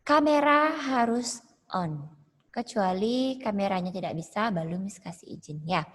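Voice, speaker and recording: Woman teacher talking slow over a video call, patient, lots of echo. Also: medium pitch, animated. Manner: patient, explains step by step. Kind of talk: online class instruction.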